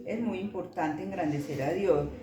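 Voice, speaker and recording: A woman leading a bible study group, speaking calmly and reading scripture aloud. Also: fairly low pitch, normal speed, recorded from a distance, slight background noise. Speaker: prayer group leader. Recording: echoey room, from afar, with a crowd.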